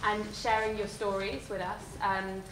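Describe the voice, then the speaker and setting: A woman's voice: mid-range voice, flat delivery, a little slow, a bit bright. A woman in her thirties moderating a live panel discussion, friendly and hesitant, with many fillers. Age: 30s. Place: lecture hall. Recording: echoey hall, faint noise.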